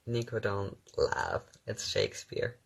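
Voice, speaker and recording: A young man, German by first language, speaks slowly in a lowish voice with vocal fry and wildly swooping pitch. He's an actor hosting his own phone livestream, reading out viewer questions and answering casually with ums and easy laughter.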